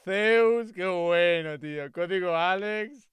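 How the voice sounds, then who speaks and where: A young man with a Spain Spanish accent talks on a casual livestream, excitable and quick to swear or tease his friends. His voice sits a little high and sounds smooth. The close microphone is dry, with no room sound. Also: no echo. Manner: excitable, swears freely, jokey insults. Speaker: streamer. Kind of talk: casual livestream chat reacting to fan art.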